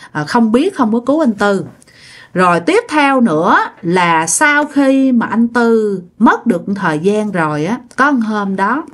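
Speaking at a medium pitch, a woman with a Southern Vietnamese accent tells a ghost story in a chatty manner, addressing her listeners directly.

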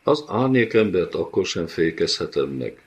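A man voicing a weary, grieving nomad warrior who speaks quietly and sadly in an audiobook. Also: low voice, very animated, slightly rough, exaggerated voice. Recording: dull lo-fi audiobook recording.

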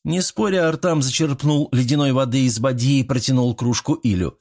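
A man narrating an audiobook in a steady, even reading voice. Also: medium pitch, a little fast. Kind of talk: scripted narration.

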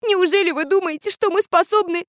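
A woman's voice: extremely high pitch, a little fast, no room sound, studio quality, pitched above the performer's own voice. A woman voicing a distraught, tearful young female student who pleads between sobs. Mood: sobbing. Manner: sobbing, pleading.

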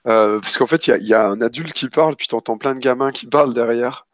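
A man improvising narration as a tabletop game master, casual and halting, often repeating words as he goes. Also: medium pitch, no room sound.

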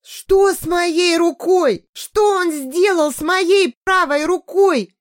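A woman's voice: mid-range voice, animated, slow pace, darkish tone, no echo, clean studio sound. A woman reading an audiobook, voicing a terrified young woman held captive who screams and pleads in hysterics. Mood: hysterical screaming. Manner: screaming, sobbing pleas.

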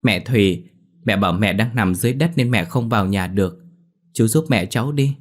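A man's voice: lowish voice, fairly quick, lightly acted. A man voicing a frightened four-year-old boy who pleads through tears in a spoken ghost story. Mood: tearful pleading. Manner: sobbing, pleading.

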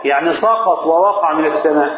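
A man with an Egyptian accent teaching a religious lesson. He asks his listeners questions and repeats phrases slowly. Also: on the high side, a crowd in the background. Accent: Egyptian Arabic. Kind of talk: mosque Quran lesson. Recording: echoey hall over a tinny lo-fi line.

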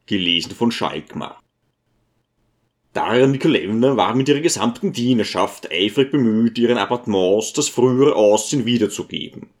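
A man reading a novel aloud as an audiobook, with expressive storytelling. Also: medium pitch. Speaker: audiobook reader. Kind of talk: scripted audiobook narration.

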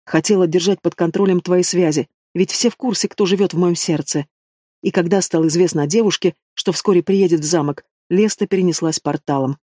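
A man's voice: sits high, steady tone, brisk, mellow, dry recording, studio quality. A man reading an audiobook, voicing a frightened young princess who talks in a trembling, pleading way. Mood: tearful.

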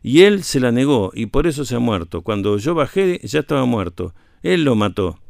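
A man reading a tale aloud, voicing two frightened male hunters who blame each other in high agitated voices. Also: very animated, moderate pace, creaky, darkish tone, no echo, studio quality. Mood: panicked. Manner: agitated, raised voice.

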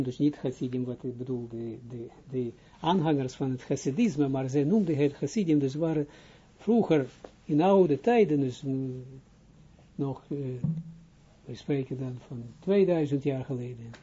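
A rabbi giving an informal spoken lesson, a man who talks haltingly, restarts his phrases and keeps asking whether he is understood. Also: mid-range voice, warm tone, breathy edge, highs cut off. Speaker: rabbi teaching Kabbalah.

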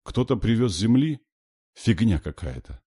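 A man's voice: on the low side, big pitch swings, measured pace, warm tone, slightly rough, pitched above the performer's own voice, exaggerated voice. A male reader voicing an anxious, bossy teenage girl who speaks urgently.

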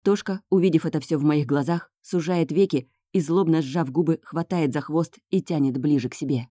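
A woman narrating a first-person novel as an audiobook, in a tense, hushed inner voice. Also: low voice, moderate pace, no echo, clean studio sound.

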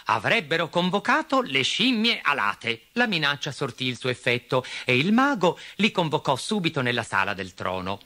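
Man, storyteller, storybook narration, expressive, lively intonation, bright tone. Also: on the high side. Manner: expressive, switching to character voices.

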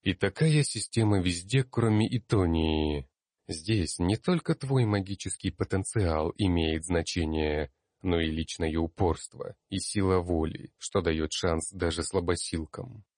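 A man voicing a calm older male fire mage who speaks in a measured, lecturing way. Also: deep voice, no echo, studio quality.

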